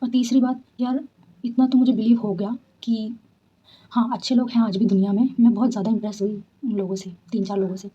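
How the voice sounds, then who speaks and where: Fast-talking young woman vlogger, dark husky voice. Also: a little high. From Delhi, India. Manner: chatty, animated, often says "theek hai". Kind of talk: casual storytelling to camera. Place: at home at night. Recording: dull lo-fi home recording.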